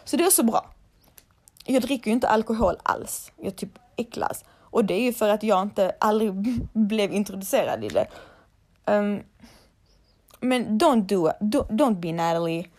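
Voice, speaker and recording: A woman's voice: mid-range voice, animated, a little mellow. A young woman, a laser hair removal technician, chatting casually and bluntly to her followers and swearing freely.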